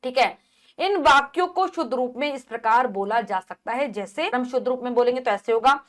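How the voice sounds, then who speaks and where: A woman's voice: sits high, lively intonation, a little fast. A woman from India teaching a grammar lesson to children, reading words aloud, repeating each one and explaining the correct spelling.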